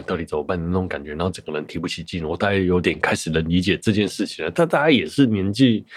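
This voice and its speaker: A man with a low voice hosts a podcast and talks casually by himself. He tells his story in a loose, rambling way and keeps stopping to correct himself. The recording is close and dry, with no room sound. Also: darkish tone, no echo. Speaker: podcast host. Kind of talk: casual solo chat.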